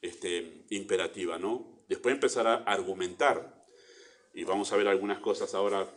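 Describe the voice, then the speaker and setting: A man with an Argentine Spanish accent preaching a sermon in a church, earnest, rising to emphatic bursts and dropping to quiet asides. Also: deep voice, fairly even intonation, normal speed. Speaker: pastor.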